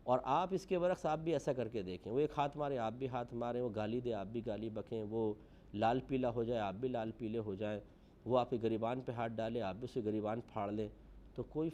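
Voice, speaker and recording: Male preacher, dark mellow tone, earnest moral lecture, faint hiss behind. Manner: earnest, moralizing, rises for emphasis then drops low. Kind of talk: religious lecture.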